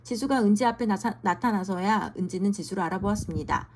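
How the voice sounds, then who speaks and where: Woman reading a kids' storybook aloud, steady mid-pitched voice. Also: quick pace, a little hiss or hum. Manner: gentle, steady reading with small slips.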